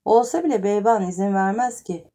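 A woman's voice: mid-range voice, brisk, mellow, close to an everyday voice. A woman voicing a haughty, indulgent wealthy mother who talks dismissively in an audiobook story. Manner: dismissive, reassuring.

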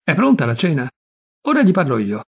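A man reading aloud and voicing a gruff, irritable old uncle who blusters and shouts in bursts. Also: a little high, wildly swooping pitch, a little fast, full character voice. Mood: grumbling.

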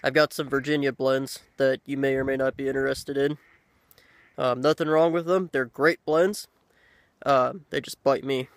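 A man in his thirties chatting casually to the camera outdoors, unhurried and halting, with pauses. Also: mid-range voice, steady tone, no room sound. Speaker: pipe-smoking video blogger. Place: outdoors by a lake in woods. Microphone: handheld camera at arm's length.

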